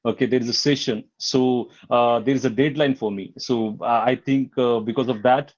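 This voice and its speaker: A man's voice: mid-range voice, fairly even intonation, moderate pace, a little mellow, highs cut off. A man from Maharashtra, a language learner speaking hesitantly with many fillers and restarts. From Maharashtra, India.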